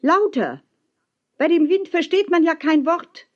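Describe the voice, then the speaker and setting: A woman voicing a hot-tempered young teacher who shouts back in an indignant way. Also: mid-range voice, huge pitch swings, a little slow, muffled recording. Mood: shouting. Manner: shouting over wind, indignant.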